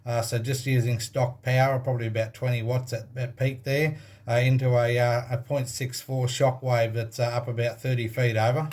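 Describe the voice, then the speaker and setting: A little hiss or hum sits under this Australian man's medium-pitched, level, slightly mellow voice. At a moderate pace, he chats casually and plainly with another station as an amateur radio operator, trading call signs.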